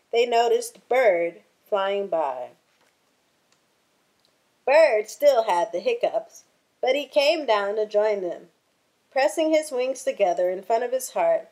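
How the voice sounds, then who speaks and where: In a somewhat high voice, a woman performs a children's picture book aloud, her storytelling deliberate and full of expression.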